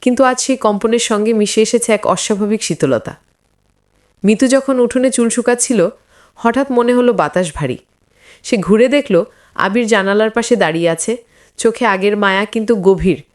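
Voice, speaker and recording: A woman narrating a story in the third person, measured and hushed, with a note of suspense. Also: medium pitch.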